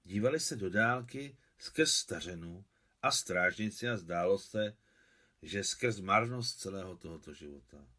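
A man, the translator, calmly reading a novel aloud in a measured way. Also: low-pitched.

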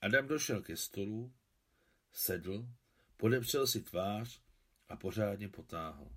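A man, the translator, calmly reading a novel aloud in a measured way. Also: fairly low pitch, breathy edge.

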